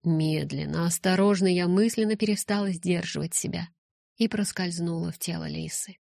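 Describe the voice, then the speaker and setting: A woman reading a first-person audiobook in a measured way, breaking into urgent shouts in her own dialogue. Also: fairly low pitch, vocal fry, no room sound, clean studio sound. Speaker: audiobook narrator.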